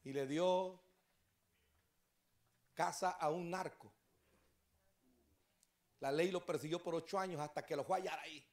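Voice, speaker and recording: A male pastor preaching an evangelistic sermon, telling stories and building up to shouted exhortations. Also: fairly high pitch, fairly even intonation, measured pace, pauses often. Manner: storytelling preacher who rises to shouted exhortation. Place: church service.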